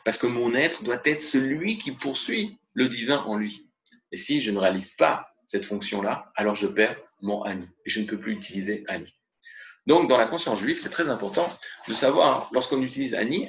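A man teaching a spoken religious lesson in a gravelly, mid-pitched voice, expressive as he explains and mixes Hebrew terms into the talk. The recording sounds dull and lo-fi. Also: normal speed. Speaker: Torah teacher.

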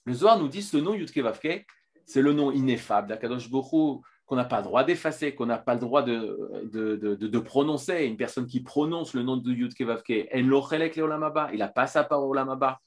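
Guy giving a torah lesson on camera, lively, lots of euh and restarts. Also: mid-range voice, fairly quick. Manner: lively, with many restarts and filler sounds. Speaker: Torah teacher.

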